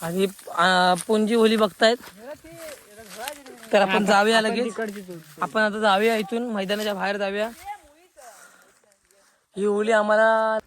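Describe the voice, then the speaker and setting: A man with a Konkan Marathi accent, filming a casual outdoor vlog on a phone and excitedly calling out to friends. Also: high-pitched, a little slow, long pauses. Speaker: vlogger. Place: outdoors in a village field. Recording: crowd noise outdoors. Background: crowd of villagers.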